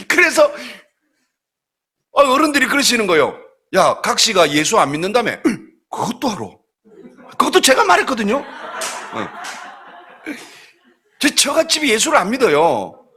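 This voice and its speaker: Man, pastor, sermon, high bright voice, swings widely in pitch, animated storytelling. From South Korea. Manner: animated storytelling, acts out voices, laughs often. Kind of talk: sermon with personal stories. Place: church sanctuary.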